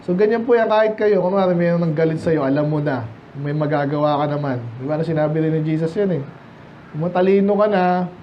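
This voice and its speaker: A man preaching a midweek Bible study sermon in a conversational way, often asking the congregation rhetorical questions and reading scripture slowly and solemnly. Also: a little high, lo-fi sound, slight background noise. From Philippines.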